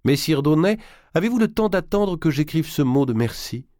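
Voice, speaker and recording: A man's voice: brisk, darkish tone, no room sound, clean studio sound, close to an everyday voice. A man doing a haughty, cooing young queen. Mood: gushing, commanding. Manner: high, cooing, theatrical.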